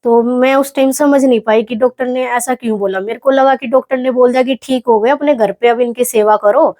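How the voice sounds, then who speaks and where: A young woman recounts a personal story in an interview. Her voice sits a little high, and she speaks softly and reflectively, pausing often to gather her thoughts. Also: steady tone. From Haryana, India. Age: young adult. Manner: soft, reflective, halting with many fillers. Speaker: athlete guest.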